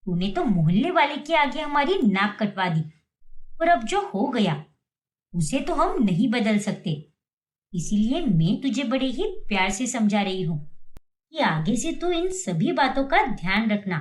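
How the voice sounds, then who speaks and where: A woman's voice: on the high side, sing-song, unhurried, voice pushed down. A woman voicing a strict, wealthy mother-in-law who lectures and scolds her daughters-in-law in a cartoon story. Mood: scolding. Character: strict wealthy middle-aged mother-in-law, tradition-proud.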